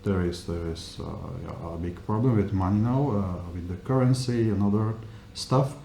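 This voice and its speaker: A man giving spontaneous interview answers in halting English, searching for words. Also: on the low side, mellow. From Russia. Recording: echoey room with faint noise.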